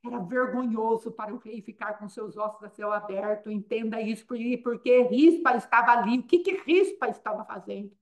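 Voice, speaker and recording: A middle-aged woman with a Brazilian Portuguese accent, preaching a sermon with fervent, repetitive phrasing that swings between loud emphasis and hushed intensity. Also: fairly high pitch, brisk, hardly any pauses.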